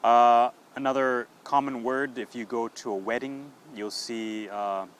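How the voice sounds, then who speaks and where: A man's voice: mid-range voice, steady tone, a little slow, a little hiss or hum, poor audio. A man hosting an English-learning podcast, explaining patiently and checking in often with "okay?". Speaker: English teacher.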